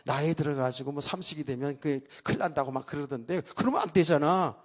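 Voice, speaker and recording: A man's voice: fairly high pitch, quick pace. A middle-aged man preaching a sermon as pastor in a church, talking casually with the congregation and joking in asides. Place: church sanctuary.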